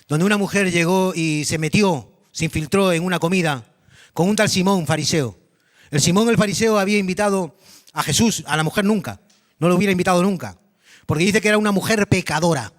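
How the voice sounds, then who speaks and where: Male pastor, high voice, animated sermon delivery that quizzes the congregation. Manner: animated, dramatic storytelling with repetition; addresses the congregation directly with questions. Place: church congregation.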